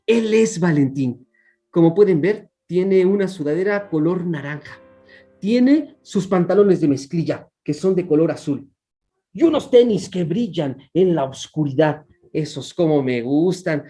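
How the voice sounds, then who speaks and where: Mexican man, children's storyteller: animated, playful, unhurried. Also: a little high. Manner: playful, expressive, talks to the audience.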